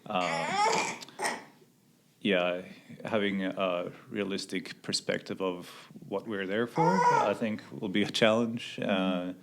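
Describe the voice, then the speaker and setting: Low-voiced man, hesitant. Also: takes it slowly, gravelly, noisy background. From Sweden. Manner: hesitant, many fillers and restarts. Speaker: missionary pilot. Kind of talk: interview answers.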